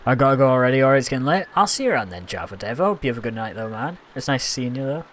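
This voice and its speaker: Talking very fast in a sing-song, medium-pitched voice, a Scottish man rambles casually while streaming a game and reacts out loud to the on-screen action. There's a little hiss or hum in this live-stream commentary.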